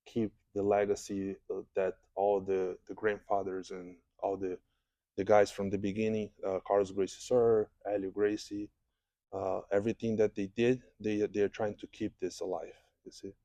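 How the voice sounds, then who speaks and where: A man from Brazil, a jiu-jitsu instructor answering interview questions in a podcast studio, speaking haltingly with many restarts and fillers. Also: fairly low pitch, level tone, dark tone, dry recording.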